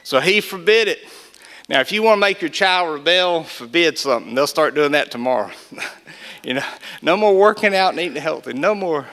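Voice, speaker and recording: A man's voice: on the high side, lively intonation, normal speed, a bit bright. A man giving a folksy testimony talk to a gathering, telling a story and acting out the voices in it. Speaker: Gideons speaker.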